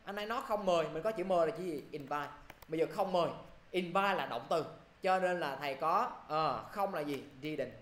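A man with a Southern Vietnamese accent teaching an English grammar lesson. He talks briskly and keeps checking in with his students. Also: on the high side, fairly bright tone, reverberant.

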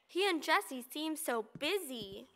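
A woman's voice: high voice, animated, slow pace, bright, forceful tone, full character voice. A woman voicing a snooty, scheming teenage mean girl in a cartoon, smug and mock-sweet as she taunts. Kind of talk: animated series voice acting.

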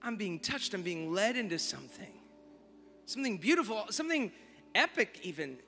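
A bright, high-voiced man preaching in a big church hall, with a long reverb trailing his words. He tells his story gently, dropping to near-whispers, then rises to fervent exclamations over soft music. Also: sing-song, moderate pace, vocal fry. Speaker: worship leader. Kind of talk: storytelling sermon. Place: large church auditorium.

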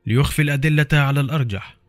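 A man's voice: fairly high pitch, racing, no room sound, soft background music. Man narrating a horror story, dry close sound. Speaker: audiobook narrator.

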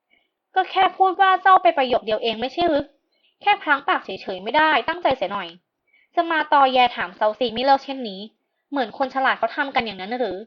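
A woman voicing a quick-witted woman doctor, the prince's wife, in a storybook reading, speaking slowly with a sharp tongue. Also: on the high side, muffled recording, close to an everyday voice. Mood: retorting.

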